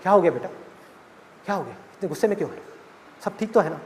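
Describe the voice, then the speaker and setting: A man's voice: high-pitched, animated, quick pace, slight background noise, voice pushed down. A man putting on a meek, placating father. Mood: worried. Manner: soft, placating. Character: anxious, soothing middle-aged father. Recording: reverberant hall with audience.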